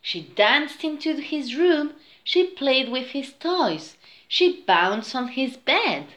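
Female storyteller for kids' picture books: very slow, high, lively delivery. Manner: slow, expressive, singsong storytelling. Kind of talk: children's storybook read-aloud.

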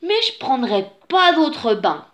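A woman's voice: high-pitched, sing-song, takes it slowly, pitched above the performer's own voice, full character voice. A woman voicing a grumpy, very dirty male bear who answers back stubbornly and grumbles, in a read-aloud storybook. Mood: grudging.

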